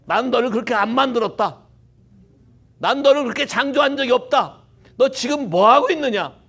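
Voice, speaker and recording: God, calm and probing, presses a prophet with pointed questions, as a preacher plays the part. The voice is high for a man and gravelly. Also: normal speed, exaggerated voice. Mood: insistent.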